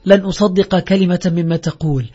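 A man's voice: sits high, fairly even intonation, a little fast, warm tone, husky. A male narrator voicing a desperate, weary young woman who pleads and reproaches. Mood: pleading. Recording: dull lo-fi audio.

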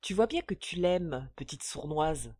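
A greedy, bullying bourgeois father blusters slowly and loudly, as a woman reading a storybook voices him. The husky voice sits close and dry on the mic, and it keeps a heavy, deliberate pace. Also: low voice, expressive, no echo, full character voice. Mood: coaxing. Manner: blustering, loud outbursts. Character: greedy bullying bourgeois father, hot-tempered older man.

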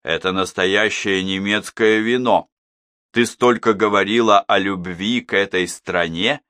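A man's voice: on the low side, steady tone, unhurried, pushed and bright, dry recording, studio quality. A man voicing a genial peacemaker who pours the wine and gives toasts. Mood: cajoling. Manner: cajoling, toasting.

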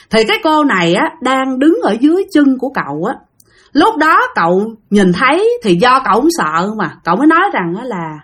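A woman's voice: medium pitch, slightly rough. A woman narrating a ghost story in a chatty way, speaking directly to her listeners.

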